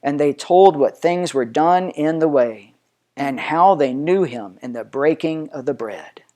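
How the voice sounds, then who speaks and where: A man reading scripture aloud in a solemn, measured way, declaiming it with emphasis. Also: fairly high pitch, lively intonation, darkish tone. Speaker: reader of scripture.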